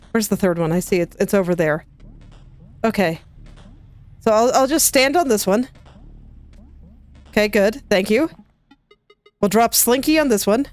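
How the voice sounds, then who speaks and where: A woman's voice: mid-range voice, no echo. Woman, let's play commentary, self-talking, dry close mic. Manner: chatty, self-talking, quick laughs. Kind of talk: casual game commentary.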